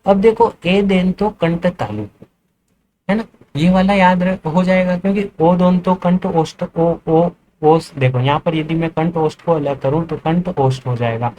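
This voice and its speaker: A man with a slightly raised pitch teaches a lesson, walking through each point and posing questions that he answers himself. Faint noise sits under the voice. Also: measured pace, dark tone, poor audio. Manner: explains step by step, asks and answers his own questions. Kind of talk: classroom lecture.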